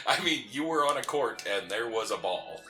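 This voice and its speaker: With lively intonation and a moderate pace, this medium-pitched co-host sounds pushed and bright as he jokes and teases through a let's play. His talk mixes casual chat with game commentary. A city man of mountain family stock, he's heard in a roomy echo over faint game music.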